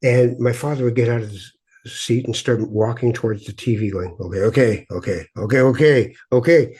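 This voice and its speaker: A middle-aged man born in Tangier, Morocco, hosts a podcast and tells reflective stories in casual conversation, restarting frequently. His voice is medium-pitched, husky and darkish, and he speaks fairly quickly.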